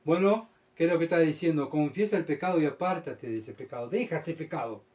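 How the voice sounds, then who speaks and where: A man's voice: quick pace, a little mellow. A man preaching a sermon as pastor, with a Uruguayan Spanish accent, talking emphatically and checking often that his congregation follows him. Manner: emphatic, keeps asking the congregation "¿Se entiende?"; mocks complainers in a whiny high voice.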